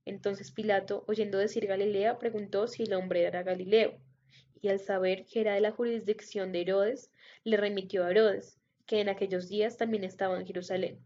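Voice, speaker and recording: A woman reading a Bible passage aloud in a steady, measured way. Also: medium pitch, a little hiss or hum. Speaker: scripture reader. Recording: dull lo-fi recording.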